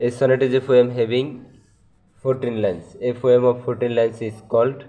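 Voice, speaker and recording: Man, Bangladeshi accent, teacher, unhurried slow delivery, warm dark tone, mixes English terms with Bengali explanations. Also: medium pitch, flat delivery, dull audio. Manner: switches between English terms and Bengali explanations, with drawn-out fillers. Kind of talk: slow lesson reading out terms and definitions.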